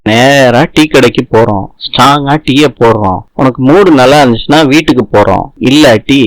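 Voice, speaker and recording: A devoted young husband who comforts and teases his wife, voiced plainly by a man reading a serial recap. The voice sits at a middling pitch and sounds dry and close. It is read rather than acted. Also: normal speed, no room sound, lightly acted, low-quality recording. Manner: reading the lines flatly in his own voice. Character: tender young husband, protective and teasing.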